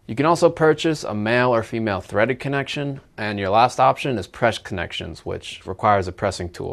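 A young man in his twenties walks through a plumbing product in an explainer video. His voice sits a little low and his delivery is plain and instructional. It is recorded cleanly in a studio. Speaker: product presenter.

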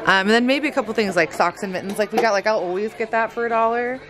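A woman's voice: on the high side, quick pace, over music. A middle-aged woman filming a casual family shopping vlog, chatty and rambling with lots of ums, speaking into a handheld camera in a car and then in a store. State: out of breath after running in. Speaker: vlogger mother.

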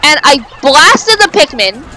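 Brief: high-voiced woman, lively swooping delivery, chatty let's-play commentary, easily excited. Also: a little slow, some chatter behind, slight background noise, rough recording. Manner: excitable, rambling, with sudden exclamations. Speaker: video game let's player. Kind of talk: casual gameplay commentary.

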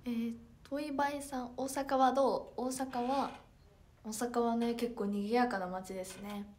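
A woman's voice: fairly high pitch, steady tone, a little slow, a little mellow, a little hiss or hum. A sixteen-year-old girl with a Toyama accent, chatting politely on a livestream and reading out viewer comments with many fillers. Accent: Toyama dialect. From Toyama, Japan. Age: teens (16). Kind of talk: casual livestream chat.

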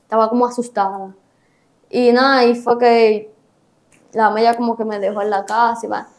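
A woman's voice: a little high, little pitch movement, normal speed. A young woman, telling her story as an interview guest, hesitant and repeating herself.

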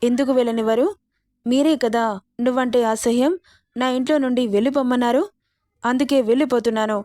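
A woman's voice: a little high, fairly even intonation, fairly quick, dark tone, no echo, clean studio sound, natural voice. A woman voicing a wounded, proud young heroine who speaks earnestly and defiantly in an audio story. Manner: pleading then defiant, earnest.

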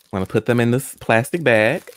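A guest scientist in his forties, speaking fairly quickly at medium pitch, leads viewers through a hands-on home experiment in a friendly, step-by-step way. He works from a small home room using a studio condenser mic with a pop filter and headphones.

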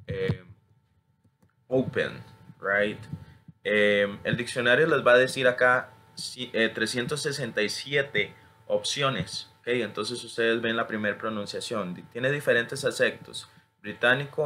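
Bright-toned teacher. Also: male voice, medium pitch, a little hiss or hum. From Costa Rica. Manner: switches between English and Spanish, models words for repetition. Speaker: English teacher. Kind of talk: screen-recorded tutorial.

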